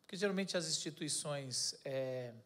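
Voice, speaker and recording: A man's voice: on the high side, moderate pace, a bit bright. A man preaching a casual sermon, joking and correcting himself as he goes. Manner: chatty, jokey, self-correcting. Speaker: pastor.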